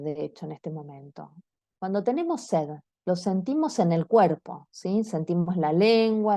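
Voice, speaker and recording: A woman's voice: medium pitch, dark tone, no echo. A woman with an Argentine accent gives a talk to parents and teenagers on a video call, checking in with her listeners again and again. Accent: Argentine Spanish. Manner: engaging, often checks in with the audience. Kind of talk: online talk to parents and teens.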